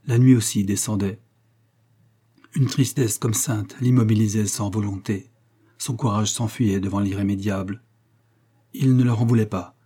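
A man reads a novel aloud in a low, mellow voice with a slightly husky edge. His delivery is measured and literary, paced like a careful audiobook narration.

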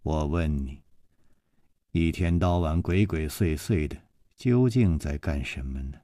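A man's voice: extremely low pitch, measured pace, dark tone, no room sound, clean studio sound, voice pushed down. A man putting on a mocking, suspicious young wife. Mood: cold interrogating. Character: sharp-tongued young married woman, suspicious and teasing. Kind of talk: traditional storytelling.

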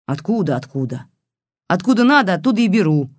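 A woman's voice: low voice, big pitch swings, normal speed, dry recording, clean studio sound. A reader voicing a furious one-eyed old village woman who scolds and curses shrilly. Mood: scornful. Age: older.

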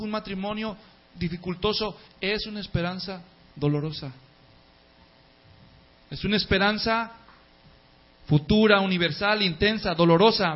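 High-voiced man preaching a sermon. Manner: emphatic, repeats key words in lists, swings from loud to soft. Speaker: pastor. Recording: dull lo-fi sound.

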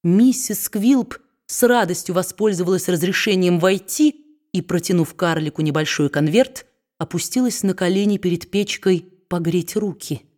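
A woman narrating an audiobook of a classic novel with steady storytelling. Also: fairly low pitch, normal speed. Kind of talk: scripted narration.

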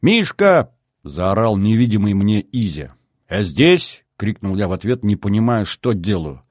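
Male audiobook narrator, low voice, wry even delivery, dry close recording. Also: normal speed, no echo. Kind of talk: first-person novel narration.

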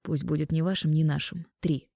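A woman's voice: sits low, fairly even intonation, normal speed, gravelly, warm tone, no echo, clean studio sound. A woman voicing a pushy young man who haggles, in an audiobook reading. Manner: pushy, wheedling bargaining. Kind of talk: audiobook narration.

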